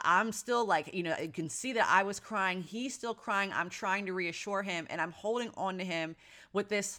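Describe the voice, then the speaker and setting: A woman's voice: medium pitch, sharp tone. A woman in her thirties, a mother telling a personal story in a casual, earnest and reflective way, often restarting her sentences. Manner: earnest, reflective, with frequent restarts and "you know". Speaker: mother sharing parenting experience.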